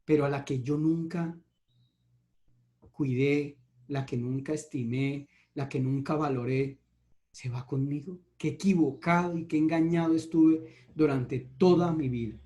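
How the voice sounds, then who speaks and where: A man's voice: a little high, unhurried, dark tone, natural voice. A regretful dying king, as a preacher voices him. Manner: lamenting, self-reproaching.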